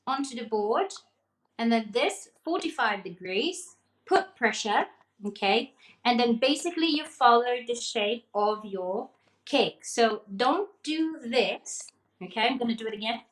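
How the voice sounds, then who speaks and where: A woman's voice: fairly high pitch, lively intonation, slow pace, fairly bright tone. Chatty woman teaching cake decorating. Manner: chatty, checks in with "okay?", laughs often. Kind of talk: live demonstration, casual teaching. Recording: echoey room.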